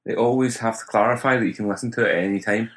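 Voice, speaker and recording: A man's voice: on the low side, fairly even intonation, racing. Easygoing Glaswegian man in his thirties. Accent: Glaswegian Scottish. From Scotland. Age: 30s. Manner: easygoing, dry storyteller. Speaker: podcast co-host. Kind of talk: casual chat.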